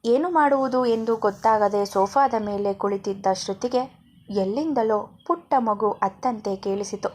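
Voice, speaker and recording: Brief: woman storyteller, mid pitch, calm measured story narration.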